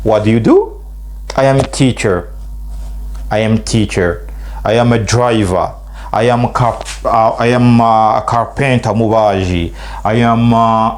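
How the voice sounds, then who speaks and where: With a darkish, mid-range voice, this middle-aged native Kinyarwanda speaker teaches spoken English in a Rwandan accent. He stretches model phrases out slowly for his learners to echo back.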